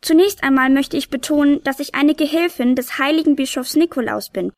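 A woman's voice: sits high, no room sound, pitched above the performer's own voice. A woman doing a tiny cheeky Nicholas helper. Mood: hurried, breezy. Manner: cheeky, chatty and hurried.

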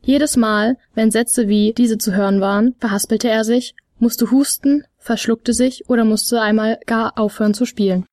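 A woman reads a storybook aloud in a steady, expressive way. Her voice sits a little high. The recording is dry and close. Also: normal speed, few pauses, dry recording. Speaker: narrator. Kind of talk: storybook reading.

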